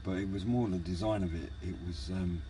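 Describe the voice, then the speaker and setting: A low-voiced man reviews a hobby product off the cuff, speaking fairly quickly with fairly even intonation and a mellow sound. He's hesitant, low-key and drifts a bit. The handheld camera recording has clear background noise.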